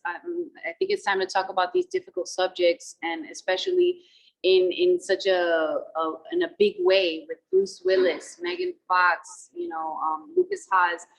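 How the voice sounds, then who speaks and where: A Dominican actress in her thirties is interviewed over a video call about a film, chatting casually about her acting work. She mixes Spanish and English and uses lots of fillers. Her voice is lowish and a bit bright, and the audio is poor.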